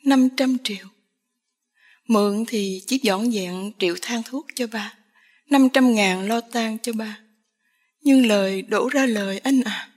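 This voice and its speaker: A woman voicing a tearful young village woman pleading with the man she loves, with a slow, breathy delivery. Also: a little high, darkish tone. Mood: sad tearful.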